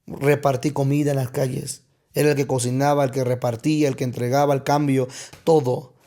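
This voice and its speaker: A man's voice: medium pitch, level tone, brisk, warm tone. A young adult man from Mexico, a pastor telling a personal testimony on a podcast, emotional and repeating words for weight.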